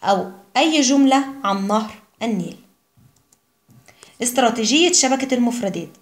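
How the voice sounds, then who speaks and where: A woman teacher gives an Arabic lesson for young pupils, reading word lists slowly and carefully. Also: fairly high pitch, expressive. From Egypt. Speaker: primary school Arabic teacher. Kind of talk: recorded classroom lesson.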